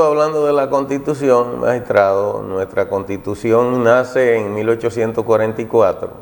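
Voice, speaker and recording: A man's voice: fairly low pitch, a little mellow. A man with a Dominican Caribbean accent co-hosts a television discussion, agreeing and echoing the other speaker. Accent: Dominican Spanish. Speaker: TV co-host. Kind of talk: interview discussion with short affirmations. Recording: reverberant hall-like sound.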